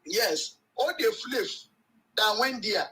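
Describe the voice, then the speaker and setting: A man's voice: high-pitched, lively intonation, takes it slowly, a crowd in the background, poor audio. A man calling in to a talk show, heard over a phone on speaker, arguing his point emphatically and preachily. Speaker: caller. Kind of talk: call-in talk show opinion.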